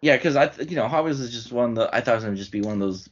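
A man's voice: medium pitch, lively intonation, very fast, husky, lo-fi sound. A man hosting a casual chat, leading his friends through a list of categories, his voice getting worn. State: losing his voice. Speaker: podcast host.

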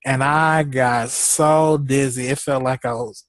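A co-host with a medium-pitched, steady voice chats casually, sounding congested and laughing often as he rambles. His talk is slow and drawn out, recorded without echo.

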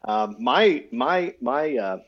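A man's voice: mid-range voice, slow. A man co-hosting a podcast, chatting casually with lots of laughter and fillers. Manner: lively, laughs often, many fillers. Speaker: podcast co-host. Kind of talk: casual chat. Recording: lo-fi dull sound.

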